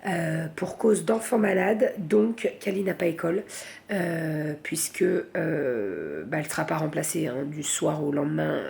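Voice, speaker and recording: A woman's voice: lowish voice, vocal fry, a little mellow. A woman vlogging late at night from home, chatting casually and rambling, saying voilà at the end of her sentences.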